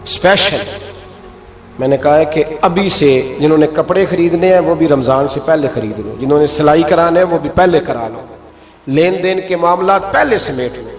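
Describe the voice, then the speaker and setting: Emphatic male preacher in an echoey hall. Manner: emphatic, rising to high exclaims and dropping low. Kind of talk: Urdu sermon with storytelling. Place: mosque. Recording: echoey hall with faint music.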